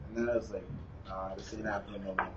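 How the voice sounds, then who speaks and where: A young man with a Bahamian accent, a basketball player answering interview questions in a relaxed, plain way. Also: on the low side, fast talker. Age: young adult. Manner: relaxed, plain, uses "like" and "you know". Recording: roomy, distant, dull with faint noise.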